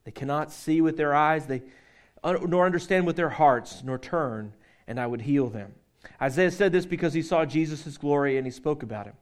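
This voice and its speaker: A man's voice: a little high, normal speed. Man preaching a conversational sermon. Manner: conversational, joking with the congregation, frequent restarts; reads scripture aloud. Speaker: pastor.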